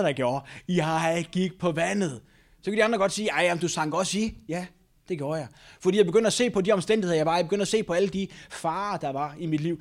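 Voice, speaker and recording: A man's voice: fairly high pitch, darkish tone. A man preaching a sermon, telling a personal story and retelling a Bible passage with many repetitions and tag questions.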